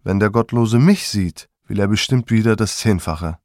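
A man voicing a practical middle-aged mother who gives brisk orders. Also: on the low side, darkish tone, no echo, clean studio sound, natural voice. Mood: firm. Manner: commanding, brisk.

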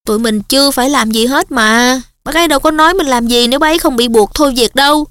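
A woman voicing a calm, soft-spoken teenage schoolboy in an audiobook. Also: high-pitched, quick pace, dry recording, studio quality.

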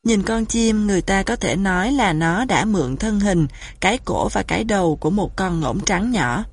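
A woman reading a children's storybook aloud in a calm, even narration. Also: mid-range voice, normal speed, slightly rough. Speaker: audiobook narrator.

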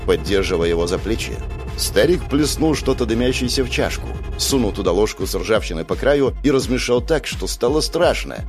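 A man narrating a dark fantasy story with expressive, dramatic delivery. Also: mid-range voice. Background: music.

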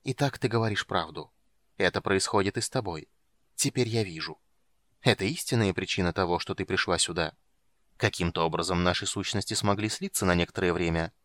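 A man's voice: low-pitched, fairly quick, fairly bright tone, no room sound. A man voicing a sickly, bitter young male mage who hisses and snaps in anger. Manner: hissing, harsh, coughing.

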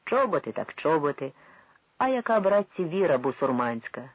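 Man doing a sly old Cossack chief, commanding, raised husky voice, phone-thin audio. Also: fairly high pitch, very animated, normal speed, dry recording. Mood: rousing. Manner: commanding, folksy questioning. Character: shrewd old Cossack leader with a mighty voice. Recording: tinny phone-like dry sound.

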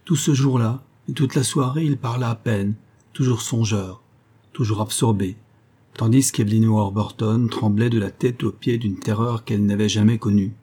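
A man with a husky voice narrating a gothic tale as an audiobook reading. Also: on the low side, fairly even intonation, normal speed, mellow.

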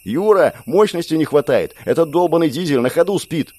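A man voicing an excitable male engineer who shouts frantically over his machines. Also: mid-range voice, fast talker, no room sound. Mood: frantic.

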